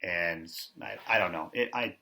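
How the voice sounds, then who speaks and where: Deep, bright-edged man arguing his point. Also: normal speed, vocal fry. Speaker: podcast co-host. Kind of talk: casual podcast chat.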